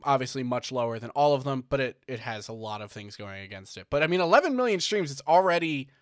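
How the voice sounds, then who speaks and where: A man's voice: mid-range voice, expressive, quick pace, dry recording, clean studio sound. A man co-hosting a casual chat show, rambling with lots of fillers and restarts as he reads out figures. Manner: rambling, many fillers and restarts, reading numbers. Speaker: podcast co-host.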